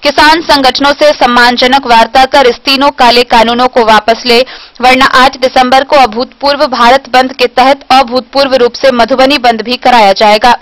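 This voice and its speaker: A woman's voice: high voice, fairly even intonation, moderate pace, poor audio. A woman reading a scripted news report as a voice-over.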